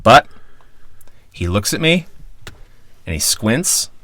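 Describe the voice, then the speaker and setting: Low-voiced man from Pennsylvania telling stories. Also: slow pace, no room sound. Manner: profane, animated anecdote-telling. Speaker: guest, former radio DJ. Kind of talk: casual podcast storytelling.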